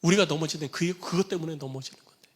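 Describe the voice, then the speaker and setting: A man preaching a Sunday sermon as pastor, acting out quoted voices and swinging between loud cries and hushed whispers. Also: a little high, fast. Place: church sanctuary. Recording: reverberant church hall.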